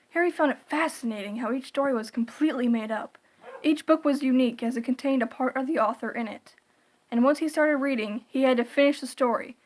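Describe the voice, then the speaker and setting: A woman narrating a scripted horror story in a deliberate, dramatic storytelling manner. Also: a little high.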